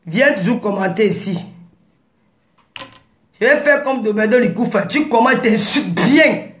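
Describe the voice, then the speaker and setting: A woman, ranting combatively at commenters on a live stream, rambling and breaking into shouts. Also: fairly high pitch, expressive, a little slow. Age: 40s.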